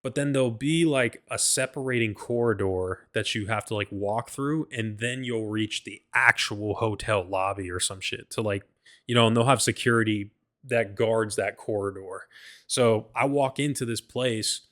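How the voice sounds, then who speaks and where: A man's voice: fairly low pitch, moderate pace, a bit bright. A man hosting a solo podcast, telling a travel story in a rambling, profane way, full of "like" and "bro," often stumbling and restarting. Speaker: podcast host.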